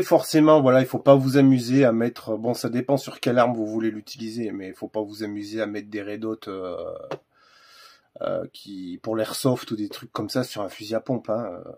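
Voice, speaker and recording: A man's voice: medium pitch, a little mellow, slightly rough. A man hosting a casual unboxing video, talking hesitantly with lots of fillers and restarts. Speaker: gun accessory reviewer.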